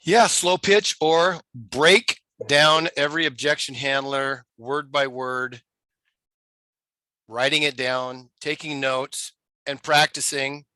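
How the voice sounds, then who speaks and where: A man's voice: on the high side, fairly even intonation, slow pace, sharp tone, clean tone, no room sound. A man on a video call, enthusiastically explaining a sales training session. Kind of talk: casual video call chat.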